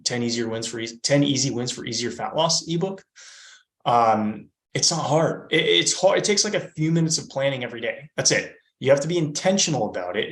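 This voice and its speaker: A man's voice: mid-range voice, fairly bright tone, reverberant. A man in his thirties, a fitness coach talking in a podcast interview, explaining emphatically and checking in with "right?". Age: 30s.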